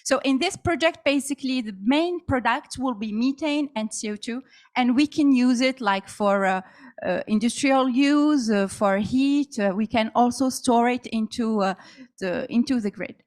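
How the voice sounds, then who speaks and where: A woman's voice: a little high, moderate pace, darkish tone. A woman giving a technical conference presentation, hesitant, with frequent fillers. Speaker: conference speaker.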